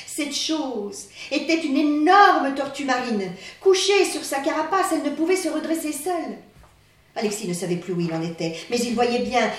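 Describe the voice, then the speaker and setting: A woman reading a story aloud in a theatrical way, moving between hushed and excited, recorded in an echoey room with the mic far off. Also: high voice.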